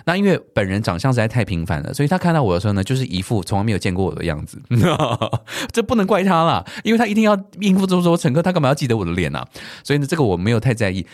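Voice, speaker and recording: A middle-aged man with a Taiwanese Mandarin accent, telling a story on his own podcast at a quick clip. His pitch leaps around a lot, and he throws English curses into the tale. The recording is close and dry, with no room sound. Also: dry recording. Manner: animated, mixes English swearing into his story. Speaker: podcast host.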